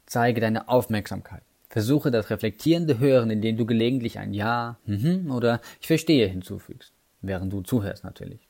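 A man's voice: fairly low pitch, moderate pace, darkish tone. A man explaining sales call techniques in an instructional talk, addressing the listener directly with numbered tips and casual asides. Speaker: sales trainer.

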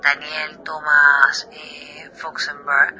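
A woman's voice: low voice, monotone, drawn-out words, sharp tone, a little hiss or hum, pitched below the performer's own voice, heavily acted. A woman voicing a curt, controlling male manager who answers the press in a formal, clipped and evasive way. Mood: guarded, formal.

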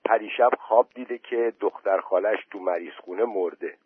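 A man voicing a weary village aunt who gives flat, resigned answers. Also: lowish voice, husky, dry recording. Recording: dry tinny phone-like voice message.

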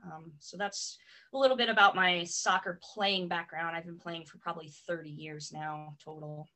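Woman soccer coach guest, low flat delivery, steady and matter-of-fact. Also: normal speed. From Connecticut, US East Coast. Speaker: soccer coach and private trainer, podcast guest. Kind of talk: casual interview chat.

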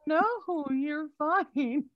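A woman speaking as a guest in a casual interview, hesitant with many pauses and fillers. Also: high-pitched, muffled recording.

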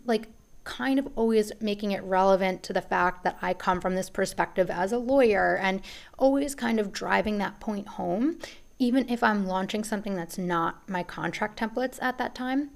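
A woman's voice: mid-range voice, creaky. A woman hosting a podcast, talking in a casual, rambling way with many restarts, a little out of breath. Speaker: podcast host. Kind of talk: casual business podcast monologue.

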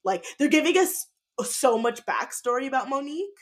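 A woman co-hosting a podcast, congested and sniffling, talking in a rambling, animated way with lots of fillers. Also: sits high, normal speed. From Michigan. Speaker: podcast co-host. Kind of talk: casual chat recap.

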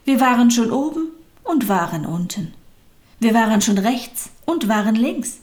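A woman voicing a kind, loving soul, speaking tenderly and often in a soft whisper. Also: fairly high pitch, lively intonation, unhurried. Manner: tender, softly whispered, rising with feeling.

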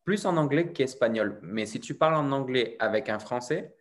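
A man's voice: medium pitch, expressive, moderate pace. A man from France who teaches French, talking casually and explaining his views with frequent restarts. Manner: thoughtful, explaining with many restarts. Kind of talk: casual conversation.

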